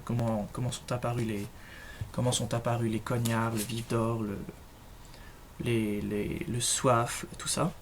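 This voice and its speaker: A young man chatting casually in a home vlog, showing his collection, full of fillers and restarts. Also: medium pitch. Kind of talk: casual show-and-tell vlog. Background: faint noise and clicks.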